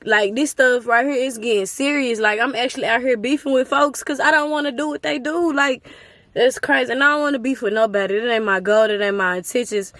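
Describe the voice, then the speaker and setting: A young woman, her voice pitched high. She speaks earnestly and with feeling, calling her viewers y'all. The sound is close and dry, with no room echo. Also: a little fast, fairly bright tone. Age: 20s. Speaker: vlogger. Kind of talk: casual motivational talk to camera.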